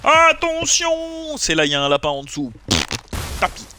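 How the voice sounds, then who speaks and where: A man streaming a game, chatting casually with excitable, jokey outbursts. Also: fairly high pitch, fairly quick, background noise. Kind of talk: casual gameplay commentary.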